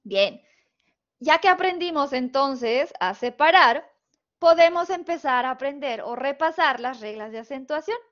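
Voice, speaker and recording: A woman with a northern Mexican Spanish accent teaches a spelling lesson, patiently laying out rules step by step and checking in with her students. Her high, fairly bright voice is a little slow with lively intonation, on a dull, lo-fi recording.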